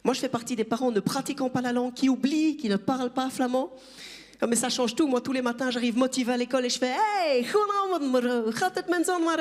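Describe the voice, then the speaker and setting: A man's voice: very high voice, a little mellow. A man doing a chatty, self-mocking stand-up set on a theatre stage, teasing the audience. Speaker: stand-up comedian.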